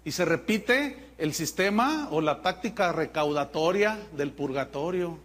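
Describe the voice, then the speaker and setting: A man preaching a sermon as pastor, in an animated, mocking way. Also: fairly high pitch, measured pace.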